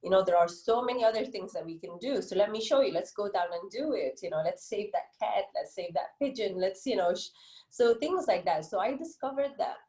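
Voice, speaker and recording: An interviewed children's book author with an Egyptian accent answers conversationally, telling stories in an earnest, reflective way. Her mid-range voice is animated, fairly quick, and a little mellow, and the recording sounds roomy and echoey.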